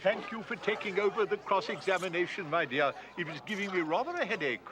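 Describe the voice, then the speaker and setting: A man's voice: sits high, animated, quick pace, crowd noise. A man playing a muddled, henpecked king who blusters and dithers as judge in a comic fantasy drama. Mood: muddled, pompous. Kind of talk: theatrical comic fantasy acting.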